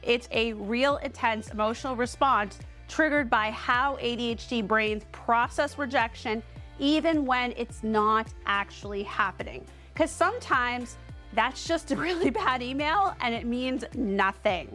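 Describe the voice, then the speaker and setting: Woman, Boston accent, host, chatty and emphatic, fairly high voice, soft background music. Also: measured pace. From Cape Cod, Massachusetts. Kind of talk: casual direct-to-camera talk.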